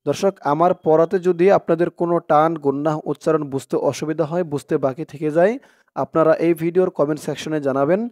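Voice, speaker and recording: A man teaching Quran recitation word by word, explaining each letter with slow, careful speech and chanting verses in long, drawn-out tones. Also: a little high, fairly even intonation, darkish tone, no room sound, clean studio sound. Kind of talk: word-by-word Quran spelling lesson.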